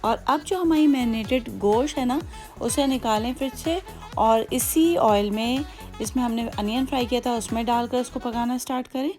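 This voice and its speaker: A Hyderabadi-accented woman hosts a home cooking tutorial, her voice a touch high and mellow. She talks in a chatty, patient way, explaining each step with many asides. Soft music plays faintly behind her. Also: normal speed. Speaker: cooking channel host.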